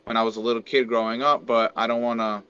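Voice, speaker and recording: A man's voice: mid-range voice, little pitch movement, fast talker, pushed and bright, clean tone. A man from Peru, a podcast guest chatting casually, laughing often and searching for words with restarts. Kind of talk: casual chat. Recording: muffled lo-fi dry mic.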